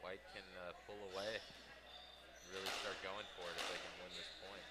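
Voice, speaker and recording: Low-voiced excitable male commentator. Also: brisk. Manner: excitable, calls plays and scores. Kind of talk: live sports commentary. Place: indoor court. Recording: loud crowd and ball noise behind.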